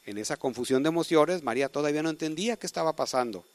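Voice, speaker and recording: A man preaching a sermon, emphatic, with sudden swings from soft to loud. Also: a little high, expressive, rapid-fire, no echo.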